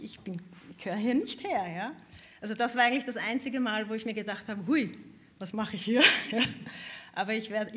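A woman from Vienna with a Viennese accent, telling lively anecdotes as a guest musician and laughing often. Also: fairly high pitch. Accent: Viennese German. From Vienna, Austria. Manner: animated, expressive, laughs often while telling stories.

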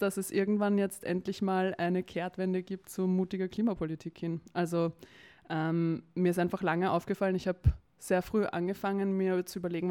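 A woman's voice: on the low side, warm tone. A young woman with a Viennese accent, talking casually as an interview guest, with frequent fillers. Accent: Viennese Austrian German. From Vienna, Austria. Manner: talkative, many fillers, occasional laughs. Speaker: interview guest, campaign spokesperson.

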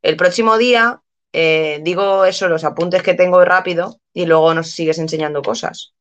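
A woman's voice: on the low side, steady tone, normal speed, dull audio. A woman hosting a podcast, chatting playfully and laughing often while trying out Basque phrases. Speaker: podcast host. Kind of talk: casual chat, learning Basque phrases.

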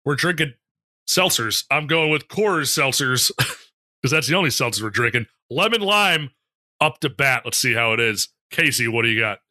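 A man's voice: medium pitch, expressive, normal speed, pushed and bright, dry recording, clean studio sound. A man hosting a podcast, moving between segments in casual, breezy, jokey talk. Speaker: podcast host leading segments.

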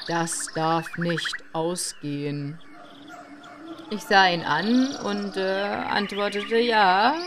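Slow-paced German woman storyteller. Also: medium pitch, noisy background. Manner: lively quoted dialogue, expressive. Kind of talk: storytelling narration.

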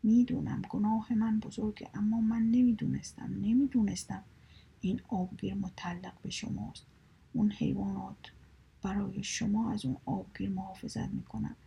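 A huge elephant chief, humbled and scared, pleading in a weak, hushed voice, as a woman acts him out in a storybook. The tone is dark and breathy with a gravelly grain. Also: medium pitch, steady tone, dull audio. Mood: pleading, fearful. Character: frightened elephant chief, large male, humbled.

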